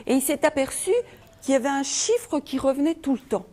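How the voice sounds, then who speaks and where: A woman's voice: high-pitched, a little fast, warm tone, slight background noise. A middle-aged Belgian woman giving a conference talk on feng shui, asking the audience rhetorical questions. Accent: Belgian French.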